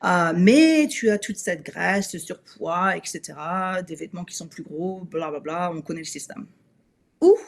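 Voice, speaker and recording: A chatty woman in her forties speaks straight to her online audience as a mobility coach. Her talk is loose and direct, full of fillers and quick laughs. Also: mid-range voice. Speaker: webinar host and mobility coach. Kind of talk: casual live webinar talk.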